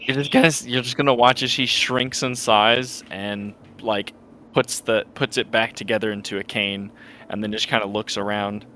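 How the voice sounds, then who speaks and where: A man playing a tabletop game, telling his character's actions in a relaxed, storytelling way. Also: lowish voice, moderate pace, slight background noise. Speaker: player.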